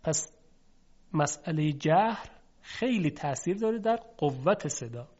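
A man's voice: fairly high pitch, expressive, a little mellow. A male teacher giving a recitation lesson, patiently explaining and sounding out letters to demonstrate. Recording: dull lo-fi recording.

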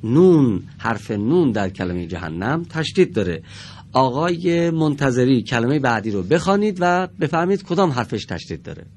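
A man's voice: mid-range voice, big pitch swings, darkish tone, slight background noise. Patient male teacher sounding out words. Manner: patient, slowly sounds out each word. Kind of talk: televised reading lesson. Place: TV studio with children.

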